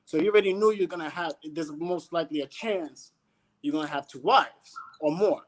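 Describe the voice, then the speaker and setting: This man, animated and speaking at a moderate pace, lays out his opinions in street slang as a casual panel guest. His voice runs unusually high, and "you know what I'm saying" comes up again and again.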